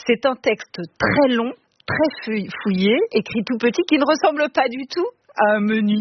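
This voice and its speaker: A radio interviewer asking prepared questions in a measured way. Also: medium pitch. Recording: muffled radio broadcast with hiss.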